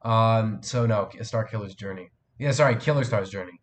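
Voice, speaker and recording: A man's voice: lowish voice, brisk. Teenage boy with a cold, chatting. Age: teens. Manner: rambling, answers chat, many fillers and restarts. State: has a cold, voice cracks. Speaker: live stream host. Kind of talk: casual live stream chat.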